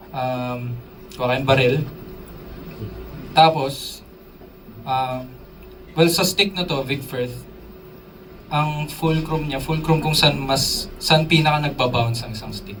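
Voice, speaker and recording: A man's voice: mid-range voice, slow, pauses often, a bit bright, slight background noise. Drum teacher quizzing his class. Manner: casual, asks the audience questions, code-switches with English terms. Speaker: drum instructor. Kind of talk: live drum workshop talk. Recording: voice distant from the mic, drums in the room.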